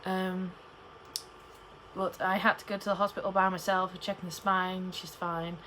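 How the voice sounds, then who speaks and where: Young woman, slightly low pitch, chatty rambling vlogger delivery, some background noise. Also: little pitch movement, moderate pace, sharp tone. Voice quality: cannot pronounce P in the middle of words. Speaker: pregnancy vlogger. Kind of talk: casual chat to camera.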